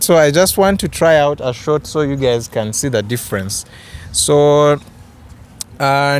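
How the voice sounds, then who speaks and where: Young male vlogger, Ugandan accent, clear voice, unhurried casual review delivery with hesitant repeats. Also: fairly high pitch. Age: young adult. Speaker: photography vlogger. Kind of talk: casual camera review vlog. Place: open grassy yard outdoors.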